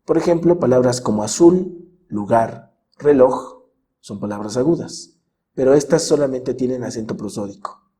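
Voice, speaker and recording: A man narrating a scripted grammar lesson as a teacher, in a measured way, drawing out the example words slowly. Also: mid-range voice, mellow, breathy edge. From Mexico.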